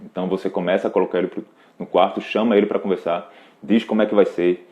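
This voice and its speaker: A man's voice: low-pitched, flat delivery, fast talker, darkish tone. A man with a Brazilian Portuguese accent hosting a live Q&A, patiently explaining practical parenting advice straight to a parent. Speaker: host answering parenting questions.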